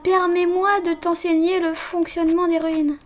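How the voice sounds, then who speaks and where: A gentle, motherly guardian of old ruins who speaks softly and slowly, as a woman puts her on. The voice stays high and light, quieter than the streamer's own talk. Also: little pitch movement. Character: gentle motherly goat-monster guardian, older female. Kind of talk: reading game dialogue aloud in a put-on voice.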